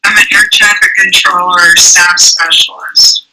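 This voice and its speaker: A woman in her fifties, an air traffic controller, answering slowly and thoughtfully. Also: lowish voice, fairly even intonation, pushed and bright. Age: 50s. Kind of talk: interview answers. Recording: noisy recording.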